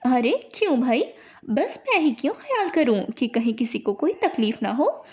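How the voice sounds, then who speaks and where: A woman's voice: sits high, sing-song, normal speed, dark tone, slightly rough, full character voice. A woman voicing an aggrieved elder daughter-in-law who complains in a raised, upset voice in a cartoon story.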